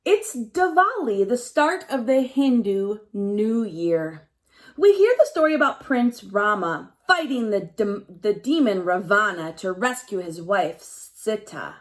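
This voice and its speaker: Very animated and slow-paced at medium pitch, a woman teacher reads a picture book to young children. She stops to explain in simple phrasing, emphasizes key words, and asks the children questions directly.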